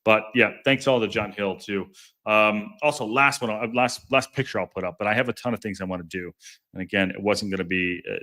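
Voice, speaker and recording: A podcast host chats casually with live viewers and reads their comments, joking around in a deep, strong voice with a fairly bright tone. He rambles, interrupts himself, and often stumbles over words and restarts sentences.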